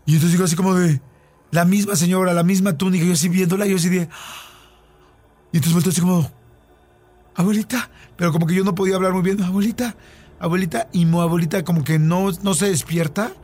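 Animated Mexican man telling a story. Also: high voice, fast. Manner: animated storyteller, fillers and repeats. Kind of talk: casual storytelling chat.

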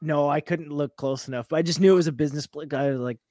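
A man's voice: on the high side, fast, dark tone, no echo, clean studio sound. A man on a podcast, chatting casually with a wry, amused way of telling stories. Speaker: podcast co-host. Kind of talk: casual chat.

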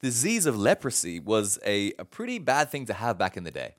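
A male pastor giving a bilingual sermon, telling the story in an animated way and pausing for his interpreter. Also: lowish voice. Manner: animated storytelling, chuckles often.

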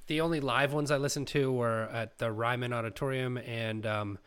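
A man's voice: mid-range voice, fairly even intonation, normal speed, fairly bright tone, smooth. A man co-hosting a podcast, chatting casually in an easygoing, plainspoken way. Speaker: podcast co-host. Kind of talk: casual chat.

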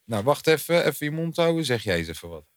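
A man's voice: on the high side, very animated, quick pace, dry recording, studio quality. Bazige man, droog opgenomen. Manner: bossy, mock-scolding. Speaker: podcast co-host. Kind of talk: casual podcast chat.

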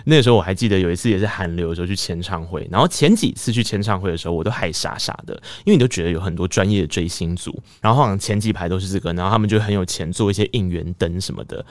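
A man in his thirties with a Taiwanese Mandarin accent, hosting a podcast and telling a story in a casual monologue, laughing and jumping up in pitch when excited. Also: racing, hardly any pauses, no echo. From Tainan, Taiwan. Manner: animated, laughing, jumps high when excited. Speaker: podcast host.

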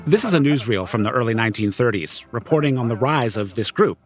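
A man's voice: mid-range voice, expressive, fast talker. A man narrating a scripted documentary podcast in a conversational, storytelling style. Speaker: narrator and reporter. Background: music.

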